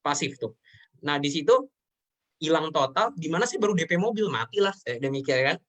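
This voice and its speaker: Young male guest, fast and heartfelt, slightly high pitch, emotional and candid. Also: expressive, fairly bright tone. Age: 20s. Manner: emotional, repeatedly addressing the host as sir. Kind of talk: earnest personal talk in an interview.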